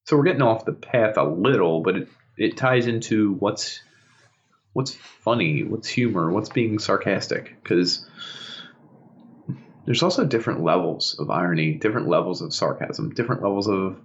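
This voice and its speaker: Animated man on a lo-fi podcast. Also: moderate pace. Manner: animated storyteller, bursts into high laughing impressions. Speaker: podcast co-host. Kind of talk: casual chat. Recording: dull lo-fi podcast audio.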